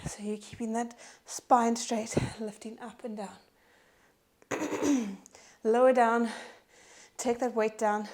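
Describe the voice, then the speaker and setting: Slightly high-voiced woman pilates teacher, slow steady cues, kinda winded, counting reps and keeping you going. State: out of breath. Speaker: Pilates instructor. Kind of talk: guided workout instruction.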